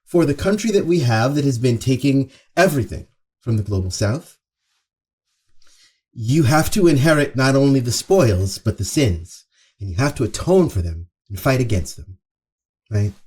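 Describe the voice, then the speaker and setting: A man delivering an opening monologue as host, speaking in an earnest, emphatic, conversational way with pauses and repetition for stress. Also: medium pitch, a little mellow, breathy edge. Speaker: show host. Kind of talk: opening monologue, half-scripted social commentary.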